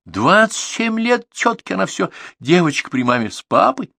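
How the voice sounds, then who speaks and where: A man voicing a shrill, tearful, scolding middle-aged mother who shrieks at her daughter. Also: expressive, normal speed, vocal fry, a bit bright, husky, no room sound, clean studio sound, heavily acted. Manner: shrieking, overwrought, highly emotional.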